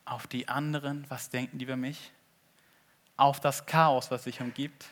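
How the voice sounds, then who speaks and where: A man preaching a sermon in an earnest way, swinging between loud appeals and hushed asides. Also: mid-range voice, little pitch movement, moderate pace. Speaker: pastor.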